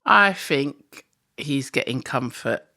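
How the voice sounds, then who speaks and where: Playful woman with a lively voice. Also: a bass voice, slow, vocal fry, dry recording, clean studio sound. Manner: teasing, playful. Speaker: podcast co-host. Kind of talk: casual couple chat.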